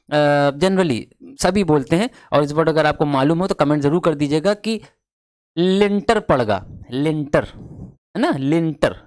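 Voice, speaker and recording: A man teaching English vocabulary in Hindi, slowly explaining words and mixing English phrases into his speech. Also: on the high side, no room sound, studio quality. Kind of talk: classroom lesson in Hindi.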